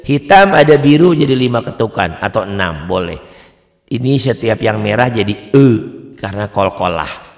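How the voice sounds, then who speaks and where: A man who teaches Quran reading to beginners in with a slight lilt. He talks plainly and chattily, then breaks into loud, slow chanted recitation. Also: fairly low pitch, expressive, creaky. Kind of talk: tajwid lesson for beginners. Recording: long hall reverb.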